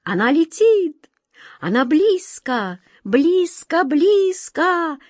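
A woman reading aloud gives us a whirlwind spirit boy who can never stand still. His voice sits high and excited, whistling out each line in a close, dry sound. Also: unhurried, dry recording. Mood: urgent. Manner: excited, whistling, darting delivery. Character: lively boyish whirlwind spirit, quick and touchy.

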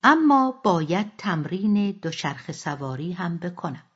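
A woman voicing a middle-aged mother who speaks softly and reflectively, in a slightly dull recording. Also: on the low side, big pitch swings, husky. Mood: wistful.

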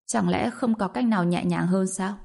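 A woman's voice: mid-range voice, normal speed, creaky, a little mellow. A woman voicing a cold, aloof immortal prince who speaks curtly in an audiobook reading. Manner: cold, curt.

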